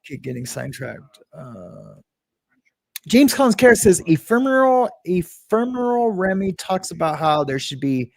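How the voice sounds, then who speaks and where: A man's voice: sits high, sing-song, moderate pace, vocal fry, hardly any pauses, no room sound. A man hosting a casual livestream, rambling and restarting, greeting viewers from the chat. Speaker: livestream host.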